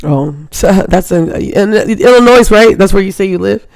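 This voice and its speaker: A woman's voice: mid-range voice, lively intonation, normal speed, gravelly, darkish tone, no room sound. A woman hosting a live call-in talk show, ranting in an emphatic, rambling way and often asking if listeners understand. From Hawaii. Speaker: show host.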